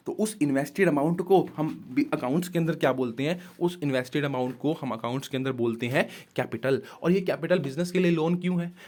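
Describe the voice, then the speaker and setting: Male accounts teacher, mid pitch, lectures by posing and answering his own questions. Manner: asks questions and answers them himself; mixes English terms into Hindi. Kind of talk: classroom lecture.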